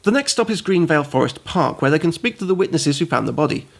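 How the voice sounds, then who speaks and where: Sarcastic gravelly man reviewing a game. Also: on the high side, sing-song, fast, faint music behind. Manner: sarcastic, goes off on tangents. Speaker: host and reviewer. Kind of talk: comedic game review narration.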